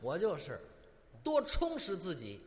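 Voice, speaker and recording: High, lively boastful crosstalk comedian. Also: male voice, measured pace. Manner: boastful, teasing, mock-serious. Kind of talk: stage crosstalk performance. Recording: long hall reverb.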